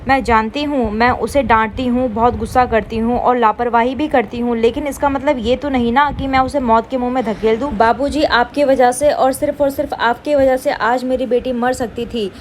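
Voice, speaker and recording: A woman reading the lines of a defiant, sharp-tongued young mother in a TV drama recap, scolding and sarcastic. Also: a little high, fairly even intonation, moderate pace, hardly any pauses, slight background noise, natural voice. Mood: bitter.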